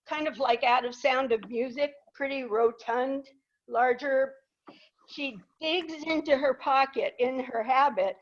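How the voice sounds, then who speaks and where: An older woman who was raised in Peru speaks as a guest, regaling a live audience with funny, self-mocking, chatty stories about her life. Her voice sits high, and the sound quality is lo-fi.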